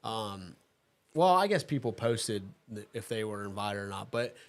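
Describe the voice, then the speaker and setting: A man's voice: on the low side, expressive, moderate pace. A man hosting a casual talk show, easygoing, laughing often and talking with plenty of fillers and restarts. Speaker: host. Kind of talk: casual chat.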